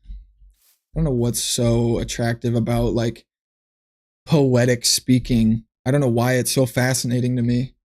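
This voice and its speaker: A man chatting on a casual livestream, musing aloud and restarting his sentences as he goes. His voice sits at an ordinary middle pitch. He talks into a desk mic at his computer. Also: flat delivery, a little slow, a little mellow. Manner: thinks aloud, rambling with restarts. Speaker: streamer.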